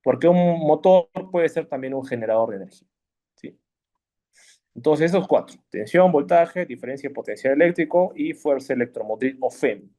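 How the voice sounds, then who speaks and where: A man's voice: a little high, expressive, normal speed, dark tone. A man giving a casual classroom lecture on electricity, often checking in with his listeners. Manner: chatty, checks in with frequent "¿sí?" and "¿no?". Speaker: electricity teacher.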